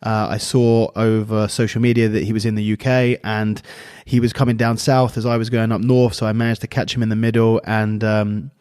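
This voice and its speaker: A man's voice: fairly low pitch, smooth. Easygoing male podcast host. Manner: relaxed, chatty, with easy laughs. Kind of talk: casual podcast interview.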